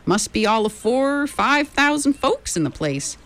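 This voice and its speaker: A woman's voice: a little high, very animated, moderate pace, fairly bright tone, pitched above the performer's own voice. A woman reading an audiobook, voicing a talkative, eccentric male gold miner with a drawling frontier dialect. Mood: genial. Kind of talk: audiobook character voice.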